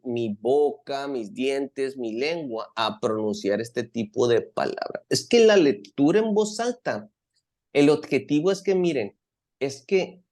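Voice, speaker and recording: A man's voice: mid-range voice, darkish tone. A man with a Mexican accent teaching an English class to students in Spanish, earnest and encouraging, often repeating himself.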